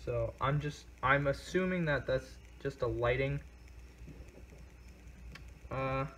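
A young man casually narrating a car repair as he works, chatty and thinking out loud. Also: medium pitch, slow, slight background noise, poor audio. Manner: relaxed, chatty, thinking aloud while working. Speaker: car DIY video maker.

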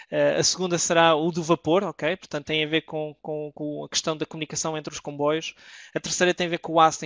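A middle-aged man from Portugal with a European Portuguese accent, giving a webinar presentation with many pauses and restarts. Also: on the high side, vocal fry, fairly bright tone, no echo. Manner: hesitant, many filler sounds and restarts.

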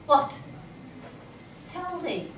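A woman's voice: high voice, very animated, extremely slow, a bit bright, exaggerated voice. An older woman playing a confused, childlike, querulous elderly mother in a staged play reading. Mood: muddled, plaintive. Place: small indoor stage. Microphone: far camera. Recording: echoey small theatre, distant mic, noisy.

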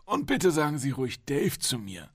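A smug police psychologist in his forties talks down calmly and slowly in a storybook reading, as a male reader plays him. His voice sits higher than the reader's own and has a lively pitch. The room is dry. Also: breathy edge, dry recording, exaggerated voice. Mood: patronizing. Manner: condescending, calm and slow. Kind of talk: audiobook reading.

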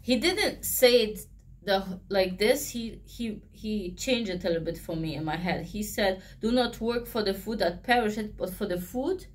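A young woman, a channel host, reads Bible verses and then shares a personal testimony in an earnest, conversational way, halting often with fillers. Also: mid-range voice, expressive. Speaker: channel host sharing faith.

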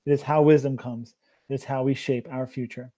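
A man voicing a tired old man who is a burdened mentor, speaking slowly and earnestly. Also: mid-range voice, level tone, warm tone, close to an everyday voice. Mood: weary.

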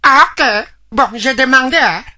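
A woman's voice: sits high, unhurried, pushed and bright, full character voice. A woman playing a blunt village healer who questions a patient and mixes in pidgin. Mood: questioning. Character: folksy village healer doctor. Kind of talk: comedy sketch acting.

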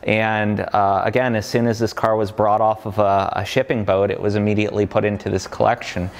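A man's voice: lowish voice, level tone, fairly quick, a little hiss or hum. A man in his thirties giving an enthusiastic, fact-packed walkaround as a guide to a company collection, with lots of fillers. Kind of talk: casual walkaround explanation. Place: large underground parking garage. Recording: long garage reverb.

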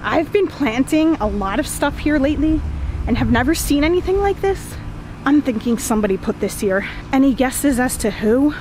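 A woman's voice: sits high, expressive, normal speed, a little mellow, slight background noise, poor audio. A middle-aged woman filming a spooky family vlog on a handheld camera, exclaiming in puzzled disbelief as she moves from a backyard garden into a dim basement. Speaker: family vlogger.

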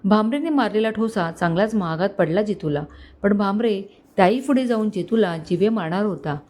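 A woman storyteller narrating a dramatic family story in an expressive, scripted reading. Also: medium pitch, normal speed.

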